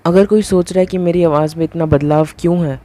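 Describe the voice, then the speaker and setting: A man giving a casual math lecture, talking through each step as he writes and keeps asking the viewer quick rhetorical questions. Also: on the high side, fairly even intonation, mellow. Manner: talks through each step while writing. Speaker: math teacher.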